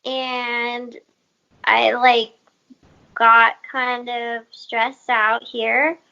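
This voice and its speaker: A woman's voice: a little high, little pitch movement, extremely slow, creaky, pushed and bright, highs cut off. A woman comedian in laid-back, hesitant banter over a video call, full of "like" and "um".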